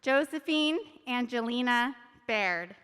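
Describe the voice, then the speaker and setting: A woman teacher giving a fond, joking graduation speech at a high school ceremony in a large hall. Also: animated, takes it slowly, background noise. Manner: fond and joking, with small laughs. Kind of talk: heartfelt prepared speech, read aloud. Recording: long reverb of a large hall.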